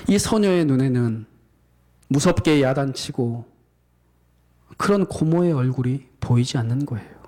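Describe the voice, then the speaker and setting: A man's voice: mid-range voice, animated, measured pace, long pauses, dark tone. A male pastor preaching a sermon, telling a story in a dramatic, emotive way.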